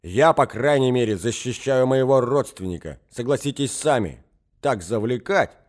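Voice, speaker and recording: A man reading an audiobook, voicing an anxious young gentleman who reasons persuasively and gets flustered. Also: mid-range voice, lively intonation, moderate pace, lightly acted. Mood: indignant. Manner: reasoning, smooth then flustered.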